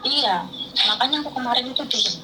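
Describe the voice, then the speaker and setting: A woman from East Lampung, Indonesia, who sells on live streams, telling her troubles in an emotional personal chat with a loud, blunt manner. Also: fairly high pitch, expressive, a little fast, heavy background noise. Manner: loud, blunt, speaks hotly like arguing.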